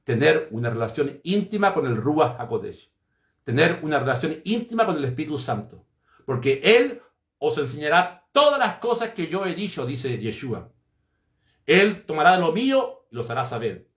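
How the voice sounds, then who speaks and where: A man's voice: on the high side, big pitch swings, moderate pace, fairly bright tone, roomy sound. A man preaching a sermon fervently and emphatically, repeating phrases for effect.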